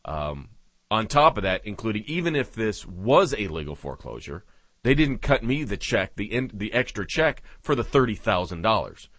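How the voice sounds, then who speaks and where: A man's voice: fairly low pitch, very animated, normal speed, a bit bright, dry recording. A man hosting a talk radio show, speaking off the cuff with hesitations and phrases that trail off. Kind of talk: unscripted talk radio monologue.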